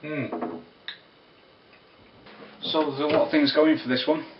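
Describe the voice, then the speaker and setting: A man's voice: a little high, expressive, noisy background. Man reviewing whisky from across a room. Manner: unhurried, descriptive, with wry asides. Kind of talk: casual spoken tasting review. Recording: roomy, distant, dull lo-fi sound.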